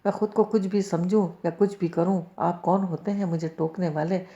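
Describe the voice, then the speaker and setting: Brief: a woman reading as a cheeky, defiant young woman in an audiobook novel, low mellow tone, echoey dull recording. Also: steady tone, lightly acted. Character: bold sharp-tongued young woman, defiant.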